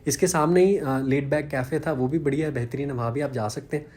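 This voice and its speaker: A man's voice: medium pitch, steady tone, quick pace, darkish tone. A man, chatting casually in a vlog and poking fun at himself. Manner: chatty, self-deprecating, conversational. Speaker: vlogger.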